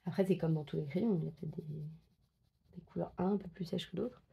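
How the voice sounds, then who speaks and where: A woman's voice: lowish voice, brisk, vocal fry, husky, dull audio. A woman chatting casually while she colors and tests pencils, thinking aloud with many fillers and self-corrections. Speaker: coloring book vlogger.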